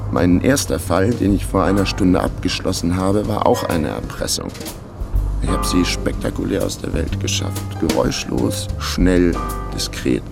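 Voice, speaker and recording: Over music, an actor with a low, creaky, expressive voice speaks at normal speed as a wry, laconic man of thirty down on his luck. It's first-person narration for a radio crime drama, sardonic and brooding in mood.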